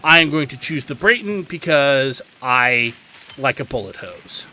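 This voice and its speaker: Measured in pace but animated, this guide host speaks in a sharp, mid-range voice. He walks through gameplay casually and instructively, with a slightly wry, explanatory manner. Game noise comes through clearly behind him.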